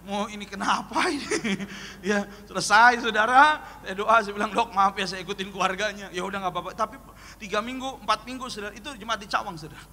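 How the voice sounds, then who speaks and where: A man, a pastor, preaching an animated sermon and telling joking stories full of acted-out dialogue. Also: sits high, fast. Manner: animated, joking, acts out dialogue in his story. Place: church hall. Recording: long hall reverb, faint noise.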